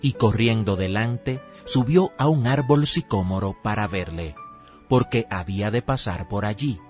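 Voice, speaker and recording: A man reading scripture as a solemn, measured biblical epic narrator, with deliberate pauses. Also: fairly low pitch, a little mellow. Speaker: Bible narrator. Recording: dull lo-fi recording with music behind. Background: music.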